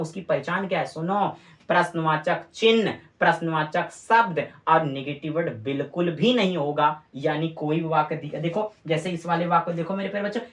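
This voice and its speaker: A woman's voice: lowish voice, distant mic. A woman teaching a grammar lesson in a classroom style, asking questions and answering them herself and repeating key words for her students. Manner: scolds the students with mock impatience.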